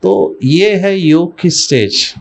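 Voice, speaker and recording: A man's voice: sits high, lively intonation, creaky. A middle-aged man giving a spiritual talk, telling a personal story and putting questions to his listeners. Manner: slow, storytelling, addresses the audience with questions. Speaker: spiritual speaker.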